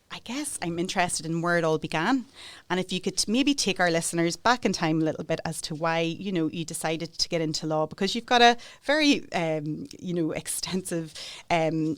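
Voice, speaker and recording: A woman's voice: lowish voice, no room sound, clean studio sound. A woman hosting a podcast, reading a guest introduction and then asking questions in a friendly way. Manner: friendly, reads intro smoothly then asks with fillers. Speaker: podcast host.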